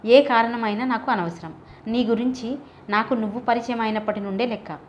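A woman's voice: a little high, brisk, highs cut off, slight background noise, close to an everyday voice. A woman voicing a nervous, scheming young man who coaxes and pleads, in a storybook reading. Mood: pleading. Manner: coaxing, flustered.

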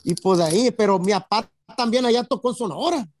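A man's voice: high voice, brisk, darkish tone, slight background noise. A man with a Mexican accent talking casually as a musician guest, rambling with lots of fillers and tag questions. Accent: Mexican Spanish. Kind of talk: casual interview chat.

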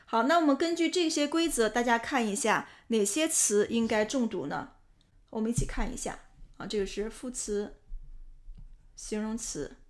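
A woman teaching English pronunciation and grammar, explaining points patiently and clearly. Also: on the high side. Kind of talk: explanatory lesson narration.

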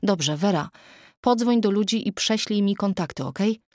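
A woman's voice: mid-range voice, expressive, normal speed, darkish tone, no room sound, studio quality, lightly acted. A woman narrating an audiobook, voicing a worried, defensive young husband in clipped, urgent lines. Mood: wounded. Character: young adult man, anxious, defensive husband.

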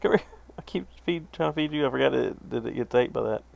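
A woman's voice: very deep voice, quick pace, vocal fry, highs cut off, noisy background. A woman streaming an online game with a friend, laughing a lot and swearing freely in casual chat. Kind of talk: casual chat while gaming.

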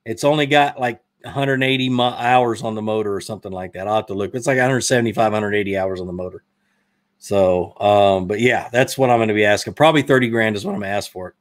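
A Georgia man in his thirties with a Southern US accent hosts a fishing live stream, speaking fast in a fairly low voice. He answers viewer questions casually, rambling and correcting himself as he goes. He sits in an indoor studio room with a brick wall, talking into a desk mic in front of him.

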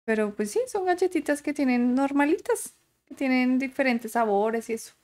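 A young Colombian woman with a Santander accent giving chatty, expressive reaction commentary and laughing often. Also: sits high, normal speed. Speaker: YouTube reaction host.

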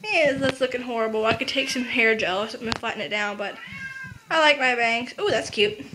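Teen girl vlogger, high voice, hyper and giggly, rambling chat on a hissy webcam. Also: a little fast. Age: teens. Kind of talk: casual chat to camera. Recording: noisy webcam recording.

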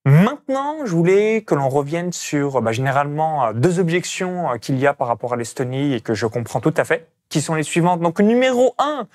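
A man's voice: fairly high pitch, animated, fairly quick, hardly any pauses, darkish tone. A man from France with a Burgundy accent, hosting a casual interview and talking emphatically with many fillers. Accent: Burgundy French. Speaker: host.

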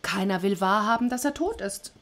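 A woman's voice: mid-range voice, animated, normal speed, natural voice. A woman voicing two ghostly male underworld messengers who report back eagerly, reading a Greek myth aloud.

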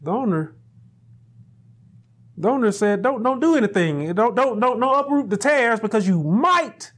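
High-voiced preaching man at a pulpit. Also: lively intonation, normal speed. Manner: preaching with rising, shouted emphasis and repetition. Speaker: pastor. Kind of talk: sermon. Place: small chapel room indoors, standing at a pulpit. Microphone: lapel mic.

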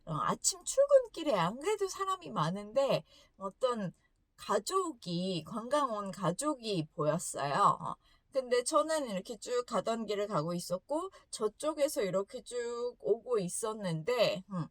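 Female English-lesson host: animated storyteller, lively intonation, frequent laughs, dry close sound. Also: on the high side, unhurried, no echo. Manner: animated, laughs often between sentences.

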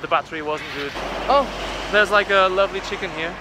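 A man's voice: sits high, brisk. A man in his thirties, a travel vlogger, talking casually to a phone held at arm's length outdoors, thinking aloud. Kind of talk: casual vlog talk to camera. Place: outdoors on rural roads and by a waterfall. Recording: loud traffic and outdoor noise.

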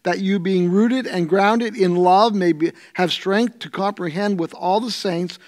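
A middle-aged man with a Canadian accent, a pastor teaching through a scripture passage, thoughtful and pausing over his words, seated in a church studio with a lapel mic. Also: high-pitched. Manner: thoughtful, searching for words with fillers and restarts.

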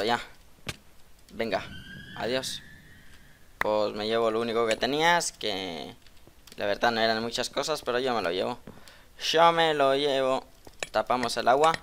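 A young man casually commentating his own Minecraft match, chatty and teasing his opponents, at times bursting into loud, excited talk. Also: medium pitch, a little hiss or hum. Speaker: gaming YouTuber.

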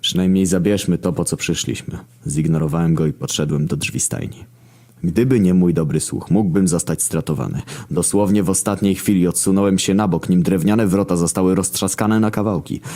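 A man narrating a first-person story in a deadpan, heavily profane manner. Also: sits low, normal speed.

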